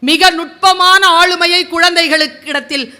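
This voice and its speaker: A woman giving a motivational storytelling talk, animated and speaking directly to her audience. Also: very high voice, a little slow.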